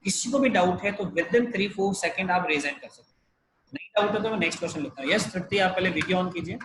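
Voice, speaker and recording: A man's voice: high voice, fast talker, fairly bright tone, slight background noise, rough recording. A man teaching a math class over a video call, explaining each step patiently. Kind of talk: online math lesson.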